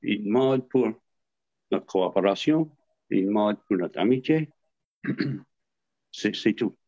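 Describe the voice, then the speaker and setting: A man's voice: on the low side, animated, measured pace, dark tone. Hesitant Acadian man on a dull recording. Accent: Acadian French. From southwest Nova Scotia. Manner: hesitant, repeats words, chuckles while telling stories. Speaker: interviewee, association representative. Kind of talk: casual storytelling interview.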